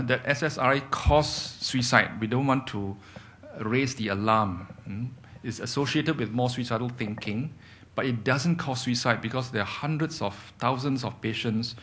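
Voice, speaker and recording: A man's voice: medium pitch, a bit bright. A middle-aged man, a psychiatrist giving a lecture to doctors, explaining as he goes, asking and answering his own questions and checking in with "okay?". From Singapore. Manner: explanatory, repeats key points with rhetorical questions and "okay?". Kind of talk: clinical lecture.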